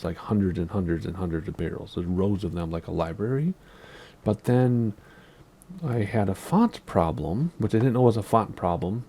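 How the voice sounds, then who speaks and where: Gravelly low-voiced Minnesotan man. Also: mellow. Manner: rambling, asks himself questions aloud. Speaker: Minecraft YouTuber giving a base tour. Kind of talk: casual gameplay commentary.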